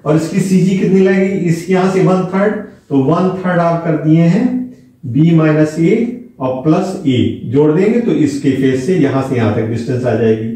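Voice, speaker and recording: A man's voice: a little high, normal speed, warm tone, far from the mic. A male engineering lecturer explaining a derivation step by step and talking straight to his students. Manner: step-by-step, mixes Hindi and English terms, talks to students directly. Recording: echoey room, speaker away from mic.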